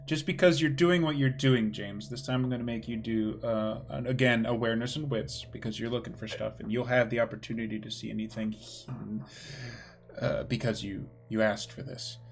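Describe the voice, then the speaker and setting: A man running a tabletop game as game master, narrating in a relaxed, chatty way. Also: mid-range voice, moderate pace, creaky, soft background music. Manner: relaxed, chatty, laughs easily.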